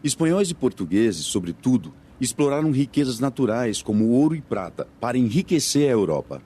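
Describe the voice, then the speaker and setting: A man narrating an educational documentary in a measured, scripted delivery. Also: mid-range voice, sing-song, warm tone, slightly rough.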